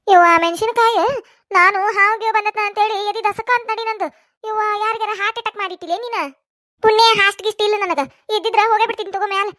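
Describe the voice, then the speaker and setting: A woman voicing an easily startled, quick-tempered village woman with a North Karnataka Kannada accent, in a cartoon. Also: extremely high pitch, steady tone, sharp tone, no echo, clean studio sound.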